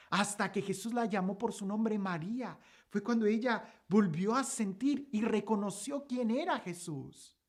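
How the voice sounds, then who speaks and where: A woman giving a sermon-style gospel reflection, asking repeated rhetorical questions and swinging between emphatic lines and hushed, soft ones. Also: mid-range voice.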